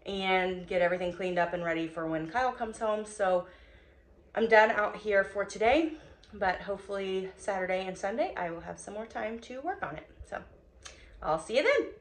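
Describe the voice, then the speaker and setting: A woman chatting casually to camera as a homesteading vlogger, informally explaining chores outdoors with a tractor rumbling behind. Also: expressive, moderate pace. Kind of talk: casual vlog chat to camera. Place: outdoors on a farm.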